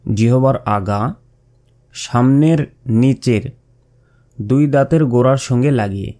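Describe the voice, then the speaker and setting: A man's voice: medium pitch, a little slow, mellow. A man teaching how to pronounce Arabic letters, drawing each sound out and repeating it with patient explanations. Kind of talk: slow step-by-step pronunciation lesson.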